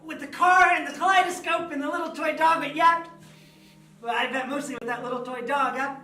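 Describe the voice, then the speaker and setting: A man plays an excitable, childlike grown brother who butts into the story with bright, very high, wheedling demands. He sounds far off on an echoey stage, with faint music behind him. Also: moderate pace, heavily acted. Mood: childish eager. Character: childlike, eager adult brother pestering for a story. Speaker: actor playing Michal. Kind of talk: stage play acting.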